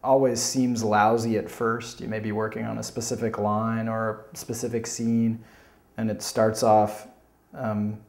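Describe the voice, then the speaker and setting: A comic creator reflecting in a documentary interview, measured in tone. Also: male voice, lowish voice, level tone, reverberant.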